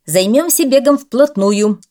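A woman voicing a bossy, hot-tempered male cat who coaches a dog, shouting indignantly in a storybook reading. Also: mid-range voice, big pitch swings, a little slow, pitched above the performer's own voice.

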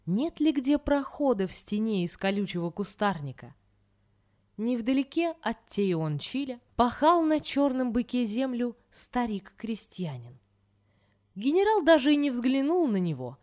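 A woman reading a folk tale aloud in an expressive storytelling manner. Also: fairly high pitch. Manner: expressive, sing-song storytelling.

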